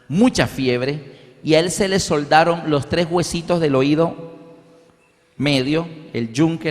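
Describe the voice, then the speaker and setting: High-voiced preacher in a reverberant hall. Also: male voice. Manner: animated storytelling, acts out voices. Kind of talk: sermon with personal story.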